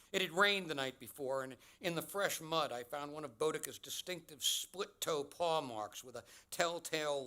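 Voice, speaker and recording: A man giving a commencement address, telling a personal story in a measured, deliberate way with dramatic pauses. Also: mid-range voice, bright, forceful tone. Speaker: commencement speaker.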